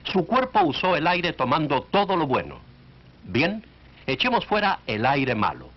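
In an unhurried, sing-song voice pitched on the high side, a man narrates a 1940s educational film, instructing the listener directly. The audio is the dull, band-limited soundtrack typical of 1940s film.

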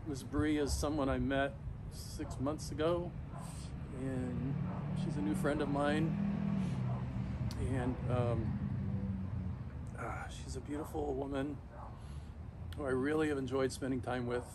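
A middle-aged man talking casually and haltingly to camera outdoors, shivering in ice-cold water, pausing often mid-thought. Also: medium pitch, steady tone. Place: backyard, outdoors, in an ice bath. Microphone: camera a few metres away. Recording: noisy outdoor recording, ambient hum.

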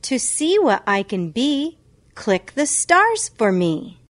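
A woman's voice: on the high side, very animated, slow pace, no room sound. A woman reading scripted instructions as narrator of a children's reading game, with careful phrasing. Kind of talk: scripted read-along instruction.

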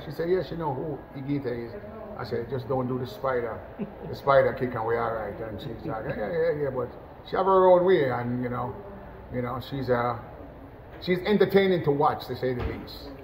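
A middle-aged man from Jamaica, a national team football coach, talking in a relaxed post-match interview over a webcam, full of "you know" fillers and restarts. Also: medium pitch, noisy background. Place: indoors, in front of a sponsor backdrop.

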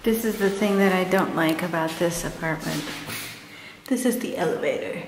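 A young woman chatting casually to a handheld camera as a travel vlogger, animated and quick to laugh. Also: lowish voice, noisy background. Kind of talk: casual vlog narration to camera.

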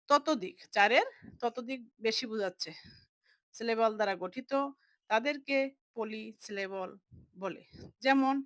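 A young woman teaching a lesson, slowly explaining and repeating words as she breaks them into parts. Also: on the high side, a bit bright, no echo, poor audio.

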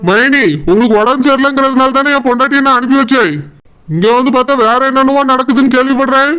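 A performer doing a high-voiced angry village father. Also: fairly even intonation, fast talker, clear, resonant tone, soft background music, rough recording. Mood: accusing. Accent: Tirunelveli Tamil. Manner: accusing, complaining, forceful. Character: angry village father, the woman's brother-in-law. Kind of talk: cartoon voice acting.

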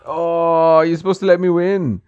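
This gaming channel host has a fairly high-pitched but darkish, clean voice, delivered flatly at a moderate pace with no echo. While playing an old fighting game at home he chats casually and laughs at the screen, with game music behind a slightly dull, dry sound.

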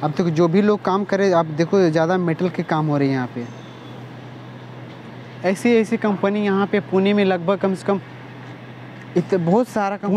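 A man's voice: high-pitched, darkish tone. A young man casually explaining things in a vlog, hesitant and full of fillers, recorded on a phone on a rooftop outdoors. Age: young adult. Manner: hesitant, many fillers and restarts. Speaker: vlogger. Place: rooftop outdoors over an industrial area. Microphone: phone camera held close. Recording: outdoor phone recording with faint street noise.

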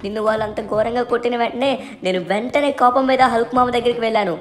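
A woman voicing an excitable, cheeky little boy in a fan dub of game footage. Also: fairly high pitch, fast, natural voice. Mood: chatty. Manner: chattering, excited.

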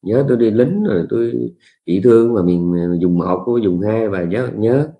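A man's voice: on the low side, expressive, normal speed, narrow, tinny audio, lightly acted. A man voicing a dying old husband who pleads with his wife as he recalls their life, speaking. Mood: pleading. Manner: pleading, repetitive storytelling.

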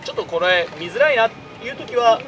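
Animated high-pitched man talking like a samurai lord. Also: quick pace, recorded from a distance. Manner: old-fashioned warlord speech, emphatic. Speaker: costumed samurai performer, host. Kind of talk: casual banter in archaic samurai-lord Japanese. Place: outdoors in a park under a large tree. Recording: noisy outdoor park, crowd and ambience.

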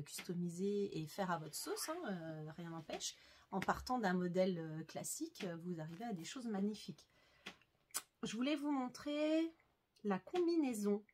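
This sewing YouTuber has a medium-pitched, slightly rough voice. She talks casually and with plenty of enthusiasm in a book review vlog, often using fillers and correcting herself.

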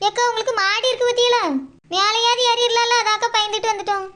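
Give me a frightened village neighbour, voiced by a woman, Tirunelveli accent, under loud hiss. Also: extremely high pitch, flat delivery, fast talker. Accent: Tirunelveli Tamil. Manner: urgent, explaining.

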